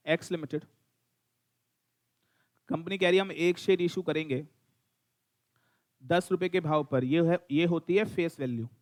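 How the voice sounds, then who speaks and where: A middle-aged Indian-accented man lecturing a classroom on law. His voice sits fairly high for a man. He mixes in English, fires questions at students and teases them. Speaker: law teacher.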